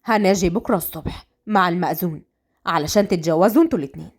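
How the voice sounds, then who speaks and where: A woman's voice: on the low side, rapid-fire, husky, pitched below the performer's own voice. A woman voicing a stern, fatherly older village elder. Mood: firm. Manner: firm, fatherly.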